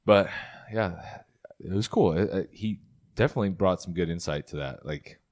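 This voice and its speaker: A man's voice: deep voice, normal speed, darkish tone. A man hosting a podcast, chatting in an easygoing way and often repeating words as he goes. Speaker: podcast host. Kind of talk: casual podcast chat.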